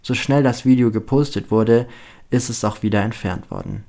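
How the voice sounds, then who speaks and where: A man narrating a story aloud in a steady storytelling manner. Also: mid-range voice, normal speed, creaky.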